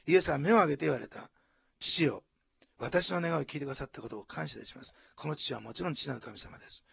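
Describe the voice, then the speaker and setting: A male pastor from preaching a sermon, dropping to hushed asides and then rising to loud, animated exclamations. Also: on the high side, gravelly, breathy edge, no room sound. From Japan, Osaka.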